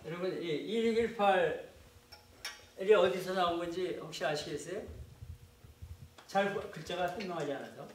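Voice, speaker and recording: A man in his seventies, a pastor teaching a missions class to lay ministry students, speaking in an unhurried, halting, politely formal way. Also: sits high, slight background noise. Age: 70s. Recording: echoey room, far from mic.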